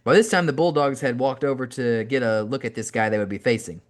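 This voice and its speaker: Give me a man narrating a first-person memoir audiobook, lively and fast-paced. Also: mid-range voice. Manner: animated first-person storytelling with acted quotes. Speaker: host reading an audiobook.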